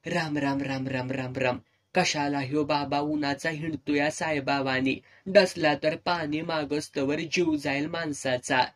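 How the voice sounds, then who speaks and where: A man's voice: fairly high pitch, fairly even intonation, a little slow, hardly any pauses, a bit bright. A man voicing an anxious, scolding village aunt, in a serialized audio novel. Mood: fearful.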